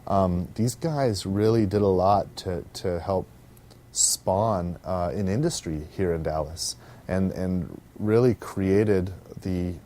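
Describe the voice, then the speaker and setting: A man, a game developer, reflecting on his career in a measured interview. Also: deep voice, mellow. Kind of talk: interview recollection.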